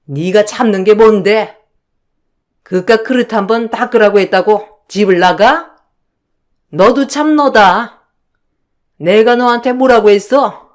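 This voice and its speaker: A woman's voice: medium pitch, takes it slowly, pauses often, lightly acted. A woman voicing a domineering older mother-in-law who scolds with contempt in a dramatized story. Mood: scolding.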